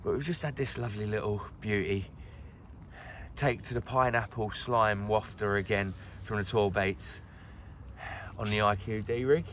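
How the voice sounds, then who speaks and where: A middle-aged man chatting excitedly to the camera while fishing by a lakeside, recorded on a handheld camera. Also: on the low side, measured pace, a little hiss or hum. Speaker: carp angler vlogger. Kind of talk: casual outdoor fishing vlog. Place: lakeside outdoors, crouched by the water.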